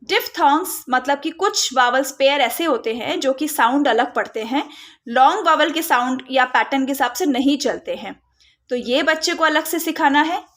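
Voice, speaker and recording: A woman giving a phonics lesson for parents, modelling letter sounds slowly and mixing in English terms. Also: high voice, fairly bright tone. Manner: mixes Hindi with English terms. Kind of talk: instructional tutorial.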